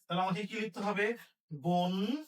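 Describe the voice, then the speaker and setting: A man teaching an online lesson, spelling words out slowly syllable by syllable and asking his students questions as he goes. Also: high-pitched, darkish tone, far from the mic.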